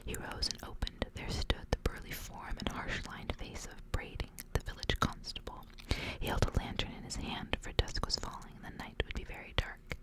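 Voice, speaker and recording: A woman whispers the whole time, fully unvoiced and hushed, reading to listeners as an ASMR creator and staying very quiet throughout. Her pace is moderate, and the audio quality is poor.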